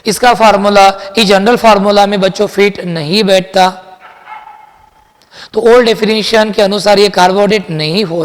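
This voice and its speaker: A man teaching chemistry in a classroom lecture, mixing Hindi and English, asking and answering his own questions and repeating key sentences slowly for dictation. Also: high voice, long reverb tail. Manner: addresses students as children, asks and answers his own questions.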